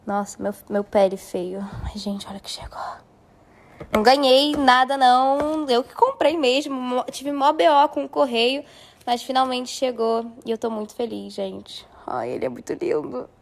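A woman's voice: sits high, normal speed, gravelly. A young woman vlogger talking casually to her followers in a gushing, chatty way. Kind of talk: casual phone stories.

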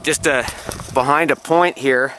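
A man's voice: mid-range voice, fairly even intonation, measured pace, sharp tone, low-quality recording. A man talking through a face mask outdoors on a windy frozen lake, narrating casually into a handheld camera, rambling and restarting as he explains. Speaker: outdoors vlogger. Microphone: handheld camera mic.

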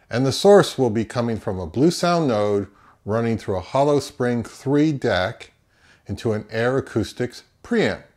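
Speaking to camera from a small home office, an American audio reviewer and host presents a semi-scripted product review. His pitch swings very lively, and his manner is emphatic and opinionated, full of rhetorical questions he answers himself.

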